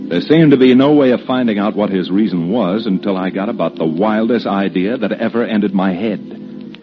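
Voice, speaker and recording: An actor playing an earnest cowboy hero who also narrates, in an old radio western. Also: male voice, lowish voice, normal speed, over music, close to an everyday voice. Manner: firm and earnest. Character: steady heroic cowboy, male, narrator. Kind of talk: 1940s radio acting. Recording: dull old radio recording.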